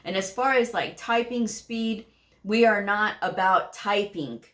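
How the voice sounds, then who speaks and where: Unhurried and a bit bright at medium pitch, this woman runs a channel where she teaches medical coding and offers relaxed career tips. She speaks firmly and directly, often asking "okay?" with a light laugh.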